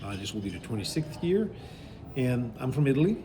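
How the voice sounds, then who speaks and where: A middle-aged man from Belgium, a cruise director, answering interview questions in a relaxed, explanatory way with frequent fillers. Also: medium pitch, a little fast, noisy background. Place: aboard a river cruise ship.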